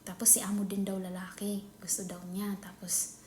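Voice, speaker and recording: A Filipino woman chatting casually in a vlog, often dropping into a hushed whisper. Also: mid-range voice, flat delivery, normal speed. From Philippines. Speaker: nanny vlogger. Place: employer's home. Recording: echoey room with faint ambient noise.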